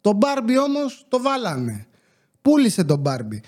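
A young man hosting a casual podcast, telling an animated story and acting out the dialogue. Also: high voice. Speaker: podcast host.

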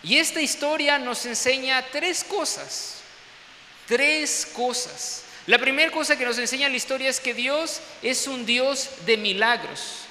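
A middle-aged man, preaching a sermon in an animated storytelling manner, often asking his listeners to confirm what he says. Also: very high voice, moderate pace, hardly any pauses. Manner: storytelling, animated, peppered with tag questions. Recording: long hall reverb, faint hiss.

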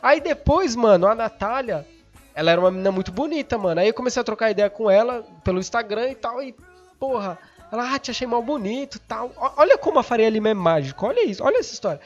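A young man, hosting a podcast while stoned, rambling and excitable, swearing often and losing his thread. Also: sits high, fast talker, muffled recording, soft background music. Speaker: podcast host. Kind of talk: casual rambling storytelling.

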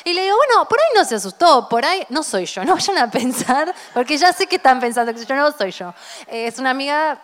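A woman with a Rioplatense Spanish accent and a high voice that swings widely in pitch. She jokes and teases her co-host in relaxed banter. A long reverb trails after her words. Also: a little fast. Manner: teasing, joking banter. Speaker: podcast co-host. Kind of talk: casual chat.

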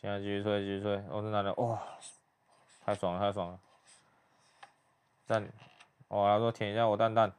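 Low, smooth-voiced man muttering commentary. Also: level tone, normal speed, pauses often. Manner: hushed, muttered running commentary. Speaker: host reacting to a video. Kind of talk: play-by-play reaction commentary.

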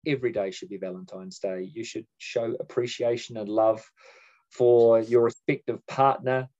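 A man co-hosting a podcast, chatting in a relaxed, enthusiastic way and swearing casually. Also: mid-range voice, moderate pace. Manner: laid-back, sweary, enthusiastic. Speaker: podcast co-host. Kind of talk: casual chat. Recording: slightly dull sound.

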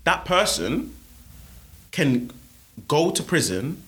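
A man's voice: fairly high pitch, very animated, takes it slowly, fairly bright tone. A man with a London accent chatting casually in urban slang, often checking that his listener follows. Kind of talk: casual chat.

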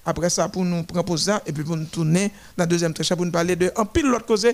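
A man giving running commentary on a parade of nations, listing them one by one with halting restarts. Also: sits high, steady tone.

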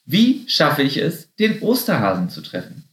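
A man voicing an eager, excitable male mascot creature in a children's story. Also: fairly high pitch, normal speed, pitched above the performer's own voice. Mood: curious. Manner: excited, breathless, eager questions. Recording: roomy echo.

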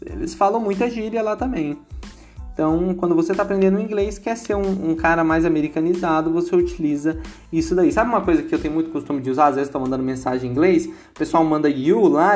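A man with a Brazilian accent and a slightly high, darkish voice gives a casual English lesson. He's an English teacher who chats freely, repeats words aloud to demonstrate pronunciation, and asks "entendeu?".

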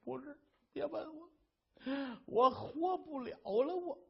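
A man's voice: very high voice, slow pace, vocal fry, muffled recording, voice pushed up, full character voice. A man voicing a distraught young wife who pleads through sobs. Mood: despairing. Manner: pleading, sobbing.

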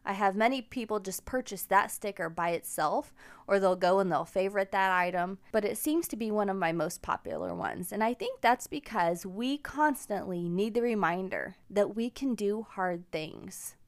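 In her forties, this podcast host tells personal stories in a casual, upbeat and encouraging manner. She speaks at a normal pace with a medium-pitched voice.

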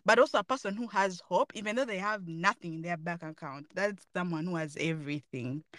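A woman in her late twenties co-hosting a podcast, chatting in an animated way with many little interjections. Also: lowish voice, brisk, no echo. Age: late 20s. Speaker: podcast co-host. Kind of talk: casual chat.

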